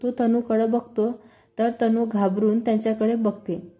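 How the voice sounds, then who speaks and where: A woman narrates a story in an even, unhurried read-aloud manner. Her voice sits fairly high but sounds mellow and soft-edged, never sharp.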